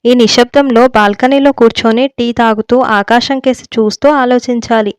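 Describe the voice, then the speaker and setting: An earnest, dreamy husband in a storybook who is set on becoming a writer, as a woman reading the tale voices him. He talks seriously about his plans in a smooth, fairly high voice on a dry, close recording. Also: fairly even intonation, normal speed, dry recording, lightly acted. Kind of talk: audiobook storytelling.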